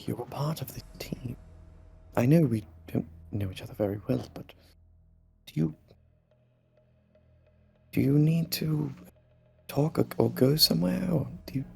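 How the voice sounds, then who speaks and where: A man playing a tabletop game in character, speaking gently and haltingly. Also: mid-range voice, creaky, breathy edge. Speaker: player. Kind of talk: in-character tabletop role-play.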